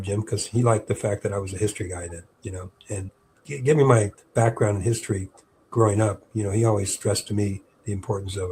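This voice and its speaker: A man's voice: fairly low pitch, a little mellow, slight background noise. A man in his seventies chatting as an interview guest, rambling with many fillers and restarts. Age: 70s. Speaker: interview guest, historic park staff. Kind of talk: casual interview chat.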